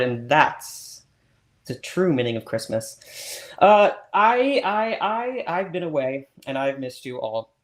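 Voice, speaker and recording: A man with a fairly high voice plays the scatterbrained, over-eager host of an awards-predictions livestream. He rambles and gushes, full of ums and restarts.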